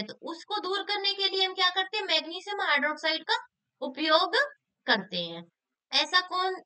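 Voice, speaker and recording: A woman teacher with an extremely high-pitched, sharp voice explains exam questions, posing questions and then answering them herself. She repeats key answers for emphasis.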